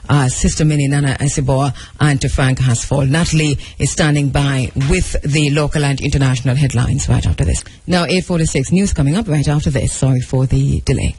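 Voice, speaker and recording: A man's voice: on the high side, darkish tone, husky. A man with a Jamaican accent hosting a live radio discussion programme. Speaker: radio host. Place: radio studio.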